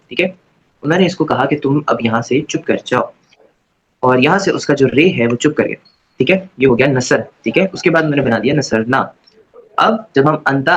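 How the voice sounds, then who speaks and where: A man teaching an online Arabic grammar class in a casual, repetitive way. He keeps checking in with his students and slowly chants verb forms aloud. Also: medium pitch, fairly bright tone. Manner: casual and repetitive, checking in with "theek hai?" after every point. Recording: dull lo-fi recording.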